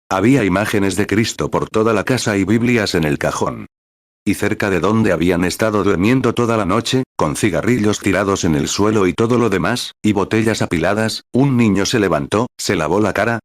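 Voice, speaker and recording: Deep solemn man reading a sermon. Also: no echo, studio quality. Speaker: Spanish voice-over translator of a sermon. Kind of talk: read sermon translation with prayer.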